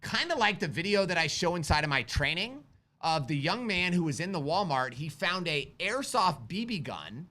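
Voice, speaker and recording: Man, firearms instructor, live-stream host, animated storytelling, bright tense tone. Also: fairly high pitch, moderate pace. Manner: animated storyteller, asks rhetorical questions; talks with his kids on stream. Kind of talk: live-stream chat answering viewer questions.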